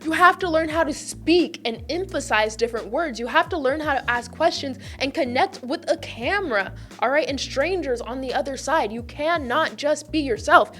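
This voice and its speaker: A woman's voice: high voice, a bit bright. A woman YouTube coach giving sassy, emphatic advice straight to camera. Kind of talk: direct-to-camera vlog advice.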